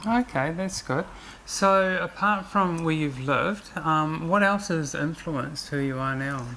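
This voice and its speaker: A woman's voice: sits low, slow pace, a bit bright, a little hiss or hum. A woman hosting a casual interview, asking her co-host questions in a hesitant way with many ums.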